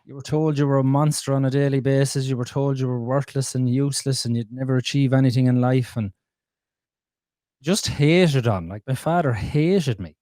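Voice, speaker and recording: A man telling his life story as a podcast guest, blunt and animated, swearing freely. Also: mid-range voice, normal speed, dry recording. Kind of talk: candid conversational storytelling.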